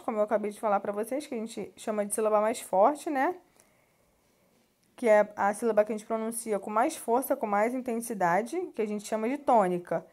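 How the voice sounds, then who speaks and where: Brief: Brazilian woman teacher, high voice, patient textbook walkthrough. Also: a little mellow. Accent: Brazilian Portuguese. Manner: patient, explanatory, with frequent "né" tags and restarts. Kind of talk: classroom lesson walking through a textbook.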